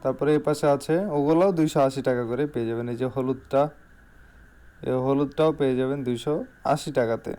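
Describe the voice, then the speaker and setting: A man's voice: mid-range voice, fairly even intonation, a little fast, mellow, clear, resonant tone. A man with a Bangladeshi accent giving an informal salesman's product showcase in voice-over, repeating key phrases for emphasis. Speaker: shop salesman.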